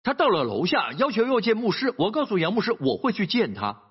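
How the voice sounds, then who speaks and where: High, lively male preacher. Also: brisk, slightly rough, dull audio. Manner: animated storytelling preacher, rhetorical asides. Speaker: pastor. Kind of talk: sermon.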